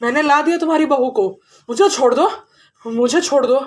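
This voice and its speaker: Woman playing a shrill, begging witch. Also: brisk, lightly acted. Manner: pleading, panicky, stammering. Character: wailing female witch posing as a wife.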